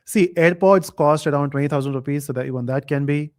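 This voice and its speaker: A man hosting a live online quiz, reading chat comments aloud and thinking out loud with fillers. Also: fairly high pitch, a little fast. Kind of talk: casual live stream chat.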